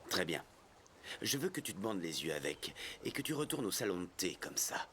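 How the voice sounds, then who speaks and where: Deep-voiced, gruff swordsman mentor. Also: big pitch swings, normal speed, fairly bright tone, slight background noise. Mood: commanding. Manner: blunt, commanding, grumbling. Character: gruff, stern adult male swordsman mentor. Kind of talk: anime dub acting.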